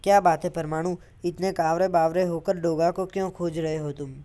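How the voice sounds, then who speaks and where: A woman voicing a calm boy hero. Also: lowish voice, normal speed, close to an everyday voice. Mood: concerned. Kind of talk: comic voice-over dub.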